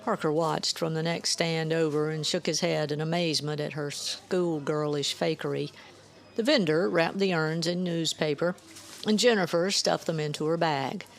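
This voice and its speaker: Woman narrator, storybook reading, measured, even, gravelly, creaky. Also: sits low. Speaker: author and narrator.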